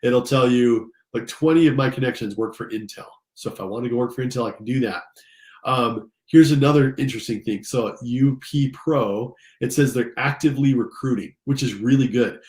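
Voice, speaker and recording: Speaking at an ordinary pace in a darkish, mid-range voice, this American career coach and instructor walks listeners through a casual screen-share tutorial with enthusiasm. Allergies leave him a bit stuffed up, and the room echoes noticeably.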